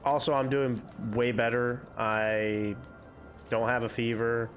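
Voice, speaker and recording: A young man with a congested, mid-range voice takes it slowly, his intonation fairly even, while faint music plays behind him. He's hosting a gaming channel, chatting candidly and rambling during a game playthrough.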